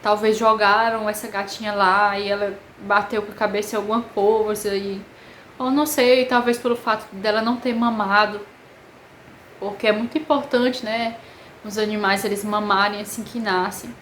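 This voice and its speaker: A woman with a Brazilian Portuguese accent, telling a personal story to camera in an emotional, halting way with many pauses. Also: mid-range voice, little pitch movement, fairly bright tone, a little hiss or hum. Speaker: vlogger. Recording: echoey room with faint ambience.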